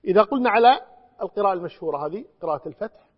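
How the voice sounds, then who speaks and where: A man's voice: sits high, expressive, very fast. A man with a Gulf Arabic accent teaching Quran commentary, explaining and reciting phrases with growing emphasis. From Kuwait. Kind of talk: religious lesson, Quran commentary. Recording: long reverb, dull lo-fi sound.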